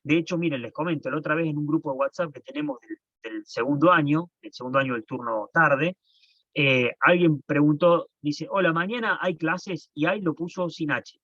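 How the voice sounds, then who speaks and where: A man's voice: on the high side, moderate pace, fairly bright tone, no room sound. Man, teacher, online class, restarts phrases, dull lo-fi mic. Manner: explanatory, repeats and restarts phrases. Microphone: computer mic on a video call. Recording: dull, dry lo-fi call audio.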